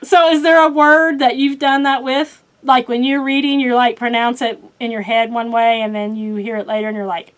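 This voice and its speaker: A talkative middle-aged woman with a strong Oklahoma accent, her voice sitting high. She rambles in a loose, friendly way, full of ums and little laughs at her own expense, like a book vlogger talking straight to her viewers. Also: little pitch movement, moderate pace, few pauses, smooth. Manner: chatty, rambling with many fillers, laughs at herself. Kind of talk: casual chat.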